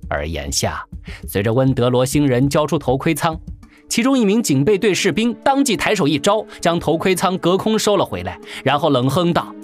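A man narrating a science-fiction story in a theatrical, animated manner. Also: on the high side, normal speed. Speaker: audiobook narrator. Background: faint background music.

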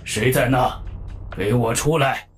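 A man's voice: medium pitch, unhurried, faint music behind, pitched below the performer's own voice, natural voice. A man voicing a ruthless alien soldier who barks threats in a sneering, commanding way. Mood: menacing. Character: cold menacing alien soldier, male, ruthless.

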